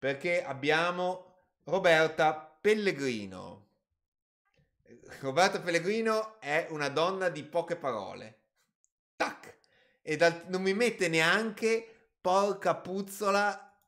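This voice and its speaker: Viewer questions get read aloud and answered off the cuff, with hedges and asides, by a man hosting a casual personal finance live stream for his finance channel. His voice is a little high and fairly bright in tone.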